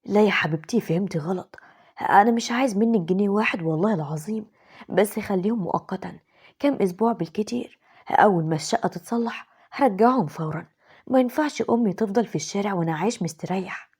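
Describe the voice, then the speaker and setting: A woman doing an anxious young Egyptian husband who pleads and dodges, his fast, breathy, mellow voice rushing through excuses. The voice stays close to the storyteller's own. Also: mid-range voice, natural voice. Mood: pleading.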